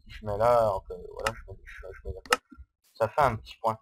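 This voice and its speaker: A man's voice: on the low side, fairly even intonation, a little fast, slight background noise, low-quality recording. Hesitant man narrating his gameplay. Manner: hesitant, rambling, explaining step by step. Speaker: Minecraft let's-player. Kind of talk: casual gameplay commentary. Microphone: low-quality microphone.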